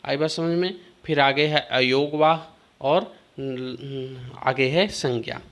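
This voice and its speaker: A man's voice: mid-range voice, fairly bright tone. A man teaching a class, explaining step by step and checking in with his students again and again. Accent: Hindi. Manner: slow, repeats "ठीक ना" as a check-in. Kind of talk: online class lesson.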